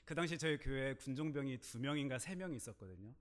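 A middle-aged male pastor preaching a sermon, telling a personal story and swinging between quiet asides and loud, emphatic bursts. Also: mid-range voice, animated, fast talker.

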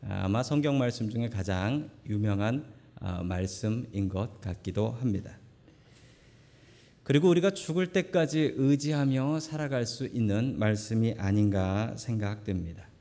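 A man's voice: on the low side, lively intonation, unhurried, warm tone. A male pastor from Seoul preaching a Sunday sermon in a church, earnest and emphatic with folksy asides. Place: church sanctuary.

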